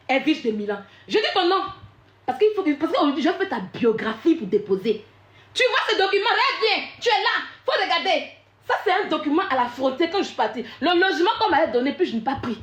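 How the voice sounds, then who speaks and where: A woman with a high, swooping voice delivers a heated rant straight to camera. She is confrontational and keeps repeating her points. The sound carries an echo from the room around her. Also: a bit bright. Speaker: social media creator.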